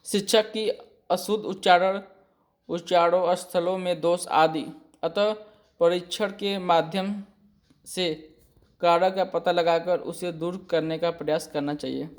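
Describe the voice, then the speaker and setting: A man teaching an exam-prep lesson. He reads out each point and then explains it again more simply, often pausing to check with his students. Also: sits high, fairly even intonation. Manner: slow and deliberate, often checking with "ठीक है".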